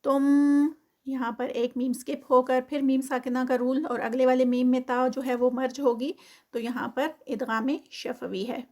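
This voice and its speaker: High-voiced woman teaching Quran recitation. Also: level tone, a little mellow. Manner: slow drawn-out recitation, then quick plain explanation. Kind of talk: tajweed lesson, explaining rules between recited phrases.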